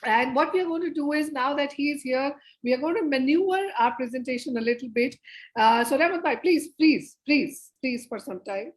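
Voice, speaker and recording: A woman's voice: high voice, normal speed, low-quality recording. A woman facilitating an interactive online theatre workshop, coaxing her audience to take part. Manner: lively, coaxing audience participation. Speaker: theatre educator and presenter. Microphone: video call.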